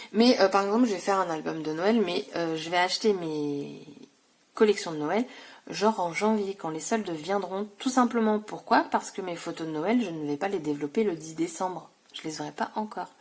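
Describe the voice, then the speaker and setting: A woman's voice: medium pitch, husky. A woman vlogger showing off scrapbooking supplies in a casual, chatty way, full of fillers and self-corrections. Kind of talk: casual haul video.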